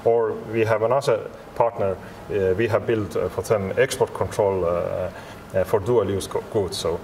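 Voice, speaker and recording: A software company representative is interviewed indoors in a big glass-walled expo hall, with the venue's hum clearly audible. He speaks in a low, steady, darkish voice, his non-native English halting and repetitive.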